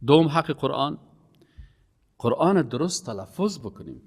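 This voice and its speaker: A man giving an emphatic religious lecture, his voice rising on key words and dropping low. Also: very animated, darkish tone, breathy edge. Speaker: Quran teacher. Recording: long hall reverb.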